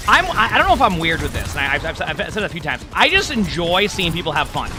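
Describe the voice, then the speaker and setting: Over background music, a man streaming a game talks fast in a fairly high, sing-song voice to his viewers via a livestream headset mic. His casual chat rambles, with lots of fillers and restarts.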